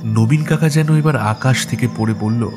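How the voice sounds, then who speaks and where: Steady male story narrator. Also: medium pitch, normal speed, over music.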